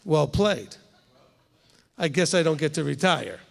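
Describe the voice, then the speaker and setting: In a congregation hall with big-room acoustics, a rabbi in his fifties speaks a little slowly in an animated, creaky voice on the high side. He leads Torah study conversationally, frequently pausing to ask "okay?"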